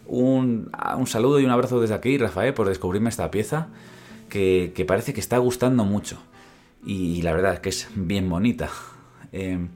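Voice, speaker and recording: A man's voice: deep voice, darkish tone. A man teaching classical guitar technique on a podcast, explaining step by step and often checking in with "¿vale?". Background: guitar playing between phrases.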